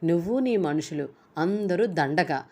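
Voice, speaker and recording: A woman's voice: on the low side, expressive, measured pace, darkish tone. A woman doing a stern, angry old father. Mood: angry, scolding. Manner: scolding, commanding. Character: worried older male father-in-law, stern and angry.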